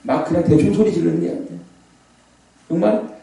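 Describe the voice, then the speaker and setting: A man preaching a revival sermon as a pastor, animated, sometimes shouting out scripture cries. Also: on the high side, a little fast, creaky. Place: large prayer hall. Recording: echoey hall, voice from far off.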